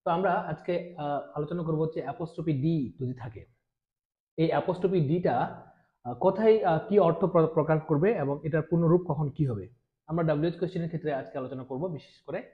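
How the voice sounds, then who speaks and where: A man's voice: a little high, fairly quick. Man teaching over a tinny line. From Bangladesh. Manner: repeats example phrases many times. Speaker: English pronunciation teacher. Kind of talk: classroom lecture. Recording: tinny phone-like audio.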